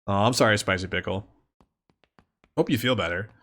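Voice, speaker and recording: Here the live let's-read host's voice is fairly low and his pace moderate. His expressive, dramatic reading of the webcomic is mixed with giggly, conversational remarks.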